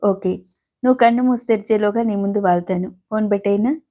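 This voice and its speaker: A woman's voice: medium pitch, fairly quick, mellow, natural voice. A woman voicing a playful, affectionate young woman who chats eagerly with her elder friend. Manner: eager, chatty.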